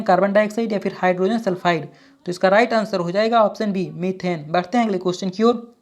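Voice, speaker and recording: Give me a woman teacher working through quiz questions in a steady, even manner, with a mid-range voice. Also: medium pitch. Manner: reads each question and options, then gives the answer; steady, repetitive phrasing. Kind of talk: exam quiz walkthrough.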